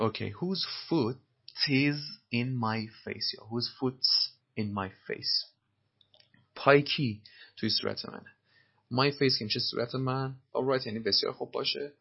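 A man with a husky voice teaching English phrases, patiently explaining and repeating them slowly. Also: mid-range voice, dull audio.

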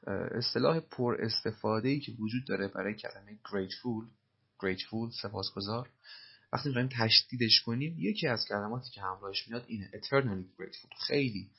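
A man with a husky voice teaching English phrases, patiently explaining and repeating them slowly. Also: lowish voice, highs cut off.

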